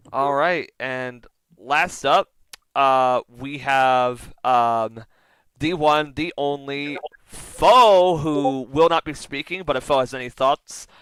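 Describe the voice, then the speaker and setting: A man's voice: medium pitch, a bit bright, smooth, no echo, rough recording. A man hosting a casual podcast chat, introducing his co-hosts with playful, teasing asides. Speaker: podcast host.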